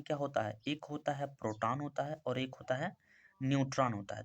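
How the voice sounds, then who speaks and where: A man's voice: on the high side, a bit bright. A man explaining a chemistry lesson in a casual classroom style, often asking himself short questions and answering them. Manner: repeats key terms as quick questions, says "ठीक है" and "भाई" often. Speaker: chemistry teacher.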